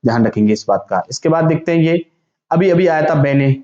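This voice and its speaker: Brief: male teacher, mellow slightly high voice, drills pronunciation with call-and-repeat, echoey dull recording. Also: expressive. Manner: repeats each word slowly and asks the class to say it back. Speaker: vocabulary teacher. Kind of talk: exam-prep vocabulary lesson. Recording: echoey room, dull lo-fi sound.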